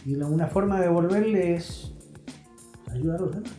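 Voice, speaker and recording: An Argentine man, a guest in an interview, reflectively tells stories and explains things, adding emphasis and short check-in questions. His voice is high-pitched and warm at a normal speed. The recording has a roomy echo and faint music.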